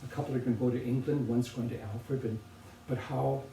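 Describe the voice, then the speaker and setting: Older male potter, thoughtful and unhurried; gravelly, captured from across a roomy space. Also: medium pitch, fairly even intonation, mellow. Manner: thoughtful, unhurried, with pauses and restarts. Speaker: potter presenting objects. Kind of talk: relaxed reflective conversation. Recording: roomy, distant from the mic, faint noise.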